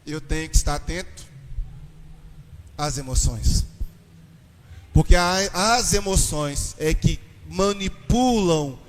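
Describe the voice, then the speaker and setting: A Brazilian man, a pastor, giving a lively church talk on marriage and questioning his audience. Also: fairly high pitch. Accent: Brazilian Portuguese. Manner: animated, addresses the audience with questions. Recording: reverberant hall, distant mic.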